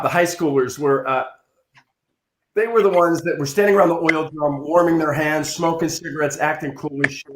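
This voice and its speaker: Animated man telling a story, echoey room. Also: a little high, slight background noise. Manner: animated storyteller, shouts in punchlines. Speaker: improv comedian telling a story. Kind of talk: casual storytelling on a video call.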